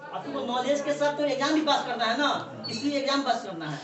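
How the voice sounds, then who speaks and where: Lady teacher lecturing, keeps asking the kids quick questions, far off mic, echoey room. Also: high voice, expressive, a crowd in the background. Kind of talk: classroom lecture. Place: echoey classroom. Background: students in the class.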